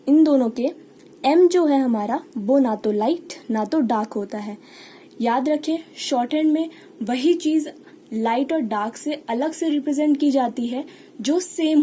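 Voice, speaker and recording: A woman's voice: sits high, dark tone, a little hiss or hum. A woman with an Indian accent teaching a shorthand lesson step by step, patiently repeating key words and example sounds. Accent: Indian English. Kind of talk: online lesson explaining step by step.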